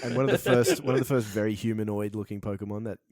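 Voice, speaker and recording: A man in a comedy podcast giving deadpan, opinionated remarks. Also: fairly low pitch, fast talker, a crowd in the background. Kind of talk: casual comedic chat.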